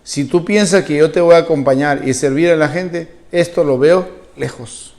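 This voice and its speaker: A man's voice: on the high side, normal speed, darkish tone. A man with a Venezuelan accent preaching a sermon as pastor. He tells the story with animation, asks the congregation questions and acts out the people in it. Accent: Venezuelan Spanish. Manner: acts out the quoted speakers with a shifting voice.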